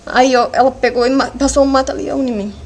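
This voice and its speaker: A woman with a Brazilian accent giving courtroom testimony as a defendant, in a halting, fragmented way full of restarts. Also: sits high, steady tone, creaky, a little mellow. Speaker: defendant under questioning. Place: courtroom hearing.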